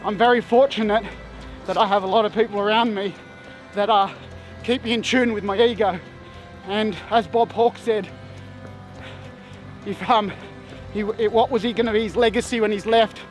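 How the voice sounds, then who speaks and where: Aussie guy vlogging, high voice, really into his story, faint music behind. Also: moderate pace. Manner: animated, emphatic storyteller. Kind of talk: casual storytelling monologue.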